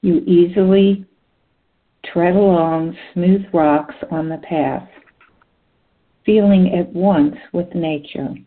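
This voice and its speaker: Slow-paced woman on a phone-like line. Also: lowish voice, fairly even intonation. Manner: soothing, measured, with long pauses between short phrases. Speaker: clinical hypnotherapist. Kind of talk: guided relaxation visualization. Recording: thin phone-like audio.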